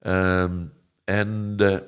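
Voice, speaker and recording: Very slow and smooth, his low-pitched voice holds a level tone. He is a man in his seventies being interviewed, Egyptian-born and South African-raised with Italian as his mother tongue, and he chuckles a lot while rambling and restarting his thoughts.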